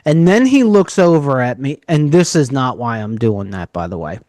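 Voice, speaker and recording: Man, new york area accent, podcast co-host, animated storyteller, dry sound. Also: mid-range voice, moderate pace, no echo. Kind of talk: casual podcast chat.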